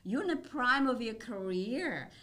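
A woman's voice: on the high side, lively intonation, a little slow, a bit bright. A woman in her fifties with a Slovak accent, a guest in a podcast interview, upbeat and speaking slightly broken English. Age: 50s. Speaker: guest, fitness studio owner. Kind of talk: casual interview.

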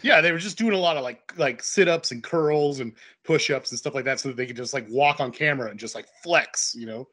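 A man co-hosting a podcast, chatting casually and telling jokey, animated stories. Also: medium pitch, a little fast, few pauses. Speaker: podcast co-host. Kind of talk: casual chat.

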